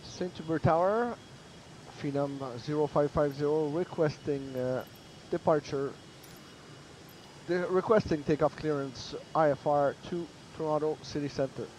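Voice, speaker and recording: A man's voice: a little high, unhurried, a little mellow, slight background noise, rough recording. Man making pilot radio calls on a headset. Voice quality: hesitant, with fillers and restarts in the calls. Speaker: flight simulator streamer acting as pilot.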